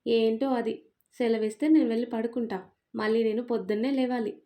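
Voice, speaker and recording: A woman's voice: a little high, fairly even intonation, fairly quick, lightly acted. A woman voicing a middle-aged mother who scolds with sarcasm but stays loving. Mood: scolding. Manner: sharp-tongued and sarcastic, then fond.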